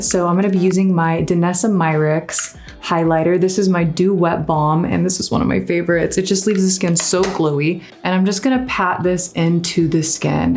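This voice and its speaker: A woman makeup artist narrating a tutorial in a calm, instructive way, with playful teasing. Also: on the low side.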